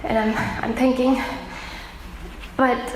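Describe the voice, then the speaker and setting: Earnest high-voiced woman from Afghanistan. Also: fairly even intonation. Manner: earnest, halting with fillers. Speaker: testimony speaker. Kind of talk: personal testimony. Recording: echoey room with faint noise.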